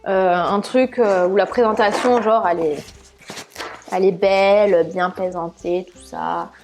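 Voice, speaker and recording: A woman's voice: mid-range voice, steady tone, measured pace, a little mellow, faint music behind. A woman hosting a live cooking stream with a put-on southern French accent, chatting casually and thinking aloud as she works in her kitchen, often laughing at her own mistakes. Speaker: cooking channel host.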